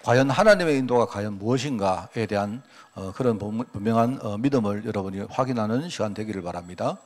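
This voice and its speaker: A man's voice: on the low side, lively intonation, quick pace. A man, a pastor, preaching a sermon in a conversational way, asking his congregation rhetorical questions and acting out quoted prayers. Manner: acts out quoted prayers and remarks.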